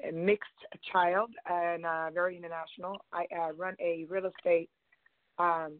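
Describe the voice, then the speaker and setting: This is a woman from Sweden, a guest on a call-in show, who speaks in an even, flat tone. She is upbeat but hesitates with "uh"s, and her voice comes over a dry, phone-like line. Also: deep voice, dry recording. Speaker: guest, realtor.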